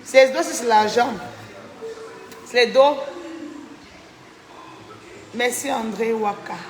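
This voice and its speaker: A tired woman chats on a live stream, reading out viewers' names to thank them and indignantly venting about a falling-out. Her voice is a little high, and the recording has an echoey room, a long reverb tail, and a bit of hiss or hum.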